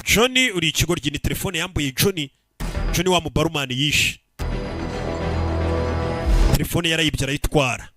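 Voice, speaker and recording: A man with a Rwandan accent gives excited, exclamatory commentary as he retells and translates an action film, often throwing in short interjections. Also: fairly high pitch, brisk, long pauses. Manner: animated, exclamatory, with repeated interjections. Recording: loud film soundtrack behind the voice. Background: loud film music and vehicle sounds.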